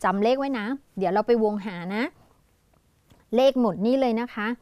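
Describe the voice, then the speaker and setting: High clear-voiced Thai woman teaching. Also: normal speed, darkish tone, no echo. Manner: thinks aloud, mixes Thai with English words. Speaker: English teacher. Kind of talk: exam-prep lesson.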